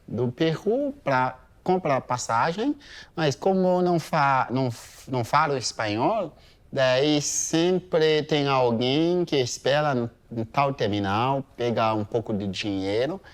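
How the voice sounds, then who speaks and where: A man in his thirties from Haiti giving a hesitant museum testimony, pausing often with fillers. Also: mid-range voice, animated. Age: 30s. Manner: slow, hesitant, many pauses and fillers. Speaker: interviewee.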